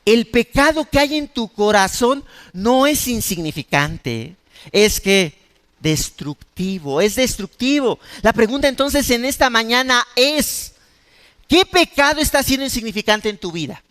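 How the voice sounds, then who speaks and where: A man's voice: very high-pitched, big pitch swings, measured pace, fairly bright tone, clean tone, long reverb tail. A man with a Mexican accent preaching a sermon as pastor, talking conversationally and peppering his points with rhetorical questions. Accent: Mexican Spanish.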